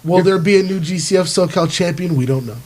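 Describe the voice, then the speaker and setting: A man speaking hesitantly and haltingly in a casual group promotional chat, as an event promoter. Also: sits high, noisy background. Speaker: wrestling promoter. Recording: chattering group in the background.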